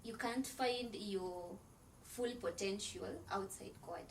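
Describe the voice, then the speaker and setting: On a podcast about faith and motivation, a woman guest speaks slowly and earnestly, setting out each point like a preacher and peppering her loose phrasing with "like." Her pitch is ordinary and mid-range. The recording is rough, from a distant mic, with faint hiss underneath.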